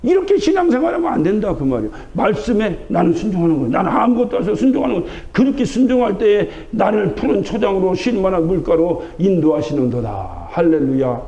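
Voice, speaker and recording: High-voiced preaching man, dull broadcast sound. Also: big pitch swings, fast talker, hardly any pauses, warm tone. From Chungcheong, Korea. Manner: emphatic preaching with rhetorical questions. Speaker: pastor. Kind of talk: sermon. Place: church sanctuary. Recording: dull broadcast recording of a church service.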